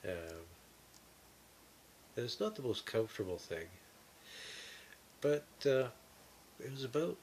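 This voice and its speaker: A man talking from his bed through a breathing mask, his voice nasal and muffled, halting with many fillers. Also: medium pitch, big pitch swings, darkish tone, slight background noise. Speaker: vlogger. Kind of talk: casual talk to camera. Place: bedroom, lying in bed.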